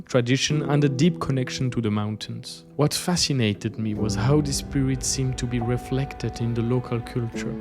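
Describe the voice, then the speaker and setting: Here an artist from French-speaking Switzerland presents his journey through scripted, contemplative travel narration, telling it like a story. He is a native French speaker with a Swiss French accent, and his voice is medium in pitch.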